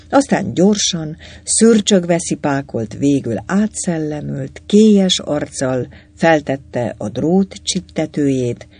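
A man reads a novel aloud with lively, expressive delivery. His voice is husky, and his pitch swings widely from phrase to phrase. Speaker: narrator. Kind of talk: audiobook reading of a novel.

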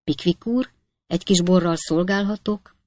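A woman reading an audiobook voices a jolly, hearty old gentleman who gives hasty orders. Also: on the low side, no room sound, natural voice. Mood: jovial. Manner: bossy, cheerful and hasty.

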